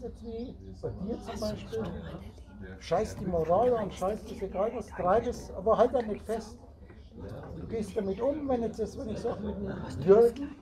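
A man's voice: high voice, low-quality recording. Man, spiritual teacher, rambling lecture, wordplay, group chatter behind. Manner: rambling, wordplay on word roots, addresses listeners directly. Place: meeting room with a small group. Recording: recorded amid a chattering group.

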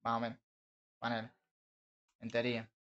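A young man with an Argentine Rioplatense accent, chatting casually with his live-stream viewers while gaming, joking, swearing and breaking into frustrated shouts. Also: mid-range voice, monotone, normal speed, highs cut off. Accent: Argentine Rioplatense Spanish. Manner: banters with chat, swears, bursts into frustrated shouts.

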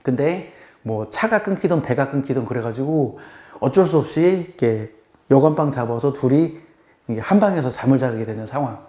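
A man's voice: mid-range voice, normal speed. A man teaching as a math tutor in a conversational lecture, acting out the people he quotes. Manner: lively, acts out quoted people. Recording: echoey room.

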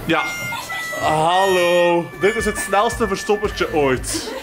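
A man's voice: high-pitched, slow pace, loud music behind the voice. A man chatting casually and commenting as he films a vlog. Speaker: vlogger filming a hide-and-seek game. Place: large industrial hall indoors.

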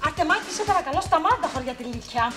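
A woman's voice: sits high, animated, echoey room, music in the background. A woman in sitcom dialogue, pushy and needling. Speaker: sitcom actress.

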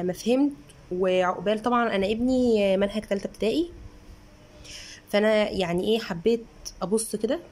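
A woman in her thirties with an Egyptian Arabic accent, a mother chatting earnestly through a casual book review and sometimes sounding out syllables slowly. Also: a little high, darkish tone. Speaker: mother reviewing children's books.

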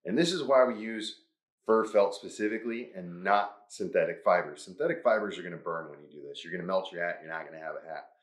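A man's voice: low-pitched, fast talker, reverberant. A man hosting a hands-on craft tutorial, who talks upbeat through each step. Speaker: host.

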